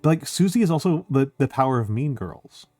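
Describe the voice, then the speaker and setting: A man chatting casually as a streamer, excitable and rambling, leaning on filler words like "like". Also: medium pitch, fairly quick, no room sound, soft background music. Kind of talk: casual chat.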